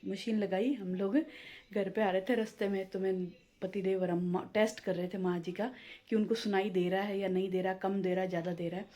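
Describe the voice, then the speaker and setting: A woman's voice: mid-range voice, flat delivery, brisk, dark tone. A woman telling a home story in a chatty, homely way as a vlogger. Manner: chatty and homely, peppering speech with "na" and "matlab". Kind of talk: casual storytelling vlog.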